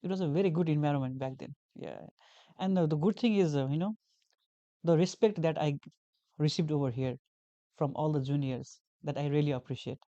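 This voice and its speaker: A man's voice: a little high, brisk, mellow, no room sound, lo-fi sound. A young man from Nepal, a guest talking earnestly in a casual interview, repeating phrases with many fillers. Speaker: guest, graduate teaching assistant.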